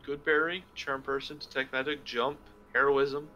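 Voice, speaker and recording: A man's voice: mid-range voice, little pitch movement, moderate pace, pushed and bright, highs cut off, a little hiss or hum. A man playing a tabletop game, thinking aloud with lots of fillers as he plans his moves. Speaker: player.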